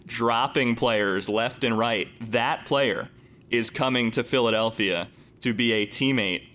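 A man co-hosting basketball talk, giving enthusiastic commentary in measured phrases. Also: medium pitch, bright, forceful tone. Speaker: sports show co-host.

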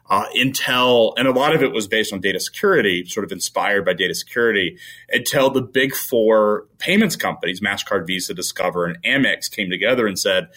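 A man's voice: fairly low pitch, bright, forceful tone. A man answering interview questions as a company founder, rambling with frequent restarts and fillers.

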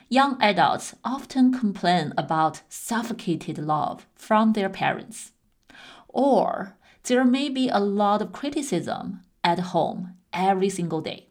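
A woman podcast host with a mid-range voice, speaking in a measured, clear way. She sets up the topic and leads the interview with an explanatory tone. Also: medium pitch. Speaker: podcast host, clinical psychologist. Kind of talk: scripted podcast intro and interview.

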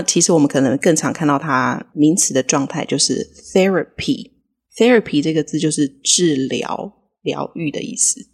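A woman who co-hosts a podcast and speaks Taiwanese Mandarin, explaining English words slowly and clearly in a casual lesson. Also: sits low. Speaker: podcast co-host teaching English.

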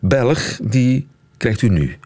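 A man presenting a radio show in a brisk, upbeat announcing style. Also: mid-range voice, sing-song, warm tone, dry recording. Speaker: radio host. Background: music.

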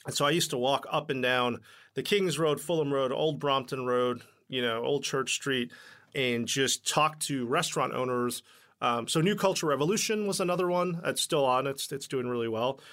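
A man's bright, forward voice carries a loose, chatty story about starting a company. He leans on "like" fillers and slips into quoted dialogue as he goes. The delivery feels casual and conversational. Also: medium pitch, normal speed. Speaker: startup founder, guest.

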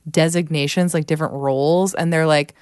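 Chatty low-voiced woman, laughing often. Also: fairly quick, clear, resonant tone, no room sound, studio quality. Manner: animated, laughs often, many fillers. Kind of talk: casual podcast chat.

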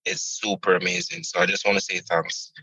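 A man calling into a live video Q&A, earnest and grateful, hesitant with many pauses. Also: low-pitched, sing-song, creaky, pushed and bright, breathy edge, dry recording, rough recording. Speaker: caller asking a question. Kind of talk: casual chat on a video call. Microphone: video call.

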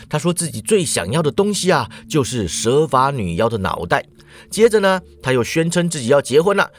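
A man hosting a podcast, retelling a Greek myth in a casual, chatty way with playful asides. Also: mid-range voice. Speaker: podcast host retelling myths. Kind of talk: casual storytelling narration.

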